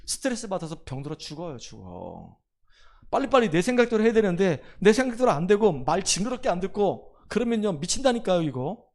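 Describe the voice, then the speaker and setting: A man's voice: high voice, big pitch swings, fairly quick. A middle-aged male pastor preaching a Sunday sermon in a church, telling a story in a conversational way and then rising to urge his listeners on. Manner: conversational storytelling, drops to a hush for quoted lines, then rises to exhort. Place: church sanctuary.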